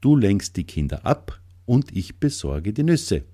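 A man voicing an anxious, quick-thinking young male character in a storybook, calling out in urgent, excited bursts. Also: on the low side. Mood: eager.

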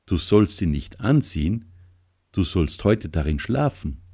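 A man voicing a kindly middle-aged male farmer in a storybook, speaking in a warm, fatherly way. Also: deep voice, big pitch swings, measured pace, husky, exaggerated voice. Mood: teasing.

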